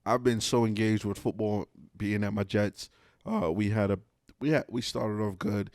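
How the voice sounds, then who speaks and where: A man with a somewhat low voice chatting about sports. He stops and restarts often and leans on fillers. The recording is dry and close. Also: darkish tone, no echo. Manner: halting, filler-heavy, easy laughter. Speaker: podcast co-host. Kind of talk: casual sports chat.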